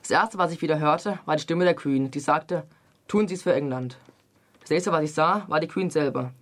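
Brisk young man reading aloud. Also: fairly high pitch, a bit bright. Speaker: book reviewer and reader. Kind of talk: reading a novel excerpt aloud, then casual review chat.

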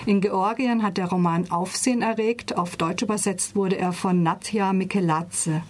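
A woman giving a scripted radio book review in a measured, calm reading voice. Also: mid-range voice.

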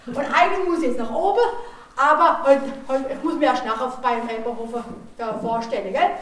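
A woman's voice: high-pitched, a little fast, fairly bright tone. A woman playing a chatty, folksy tavern landlady with a Baden accent. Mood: chatty, busy. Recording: echoey room, faint noise.

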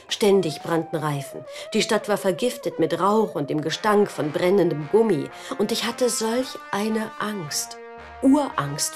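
Earnest woman's voice-over over guitar. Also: fairly low pitch. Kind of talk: scripted testimony voice-over. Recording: voice-over over music. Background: guitar music.

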